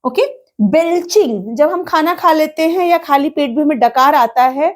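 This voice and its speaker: A woman teaching English vocabulary in Hindi, spelling each word out slowly letter by letter and checking in with "ok" and "theek hai". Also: high-pitched, animated. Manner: explains in Hindi with English words mixed in. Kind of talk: spoken English vocabulary lesson.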